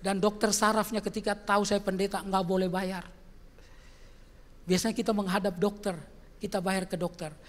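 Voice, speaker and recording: An older man preaching as pastor in a large church, shifting from quiet storytelling to loud shouted exclamations. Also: high voice, flat delivery, normal speed, long pauses. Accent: Indonesian. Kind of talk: sermon. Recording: long church hall reverb.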